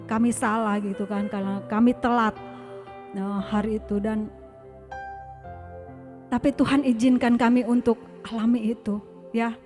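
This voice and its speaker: Woman church speaker, fairly high voice, earnest sermon testimony, faint music underneath. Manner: earnest, exhorting, softens to quiet prayer.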